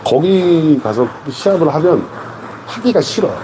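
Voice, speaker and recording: A man's voice: on the high side, expressive, a little slow. A man in his thirties, a table tennis coach chatting on a live stream, laid-back and repeating short phrases. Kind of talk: casual live-stream chat. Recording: noisy live-stream audio.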